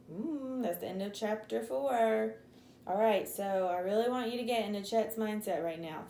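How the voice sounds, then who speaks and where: Mellow-voiced woman teacher reading aloud. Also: mid-range voice, echoey room, slight background noise, rough recording. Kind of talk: reading a chapter book aloud to a class.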